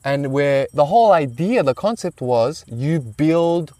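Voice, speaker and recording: A man's voice: on the high side, animated, a little slow, mellow, no room sound, studio quality, far from the mic. A man, the guest, telling a rambling personal story in casual talk, swearing freely and using many fillers.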